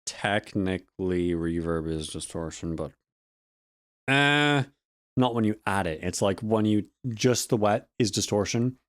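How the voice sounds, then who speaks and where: A young man talks through audio ideas in a loose, chatty recap, often circling back to correct himself. His voice sits on the low side and comes across dry and close on a compressed studio mic at home. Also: no room sound. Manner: rambling, self-correcting, chatty. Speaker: audio student and vlog host. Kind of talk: casual spoken recap of a lecture. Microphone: close studio microphone with a compressor.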